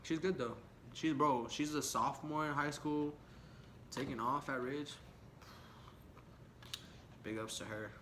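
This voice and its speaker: A man's voice: fairly high pitch, unhurried, long pauses, fairly bright tone. Young man telling stories, laid-back and slangy. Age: young adult. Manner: laid-back, slangy and rambling, laughs often. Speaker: vlogger. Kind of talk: casual story time chat. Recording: background noise.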